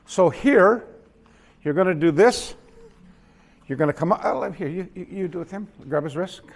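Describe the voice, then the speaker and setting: A man teaching a hands-on martial arts class in a dojo, coaching students with quick commands and laughter. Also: high voice, animated, creaky. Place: dojo hall.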